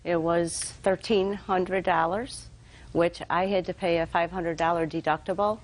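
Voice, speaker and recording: A woman's voice: lowish voice, steady tone, measured pace, low-quality recording. A middle-aged woman giving testimony as a plaintiff in a television courtroom.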